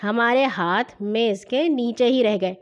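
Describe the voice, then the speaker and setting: A woman narrating a children's story with a lively, expressive reading. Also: on the high side. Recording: dull lo-fi recording.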